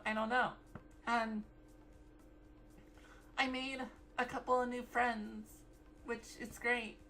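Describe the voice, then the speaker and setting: A woman's voice: medium pitch, fairly bright tone, a little hiss or hum, rough recording. A young woman vlogging in a casual, rambling way, full of fillers and restarts. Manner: rambling, many fillers and self-corrections.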